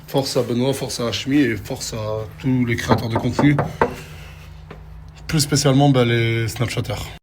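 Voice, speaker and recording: A man's voice: medium pitch, moderate pace. A man hosting a casual vlog, speaking to camera and then teasingly questioning people he meets. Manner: teasing, interrogating, repeatedly calls for calm. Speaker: Snapchat influencer host.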